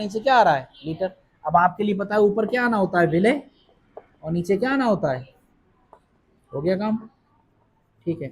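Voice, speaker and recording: A man's voice: high-pitched, slight background noise. A male chemistry teacher with a Hindi accent lecturing a class. He keeps asking questions and answering them himself, and reassures students that it is not hard.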